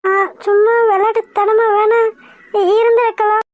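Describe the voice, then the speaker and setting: A woman voicing a young lovesick village woman in a cartoon, with a high, squeaky, weepy voice. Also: little pitch movement, moderate pace, no room sound. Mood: tearful. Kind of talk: cartoon voice acting.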